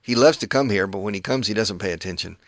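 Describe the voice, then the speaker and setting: A man leads a live radio English lesson with a teasing, good-humored manner, stopping often to correct his guests. His voice sits a little low, and the sound is close and dry. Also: fast talker, dry recording. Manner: joking, corrects grammar often. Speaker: radio host and English teacher. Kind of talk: on-air English class chat.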